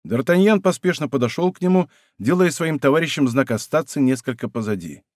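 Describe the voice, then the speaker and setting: Expressive male audiobook narrator. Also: a little high, brisk, dry recording, studio quality. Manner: expressive, dramatic reading.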